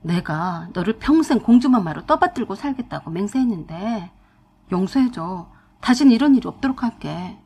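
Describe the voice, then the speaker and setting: A woman voicing a young husband caught between his wife and his mother, speaking in a lowered, husky voice. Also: lively intonation, moderate pace, a little mellow. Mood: pleading.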